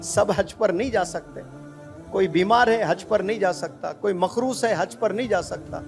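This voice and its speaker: A male preacher giving an earnest sermon, putting rhetorical questions to young people. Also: high-pitched.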